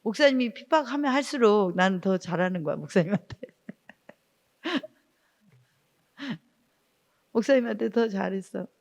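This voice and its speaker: Gravelly-voiced woman pastor giving testimony. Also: mid-range voice, quick pace, few pauses, darkish tone. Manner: earnest storytelling with rhetorical asides. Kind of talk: testimony sermon. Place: church sanctuary. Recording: dull lo-fi church recording.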